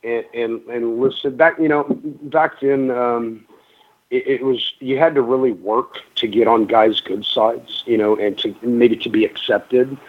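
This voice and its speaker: A man's voice: mid-range voice, fairly even intonation, a little slow. Chatty man on a phone-thin line. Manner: rambling, many ums and restarts, chatty. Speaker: guest, pro wrestler. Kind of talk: casual radio interview storytelling. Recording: narrow phone-like radio sound.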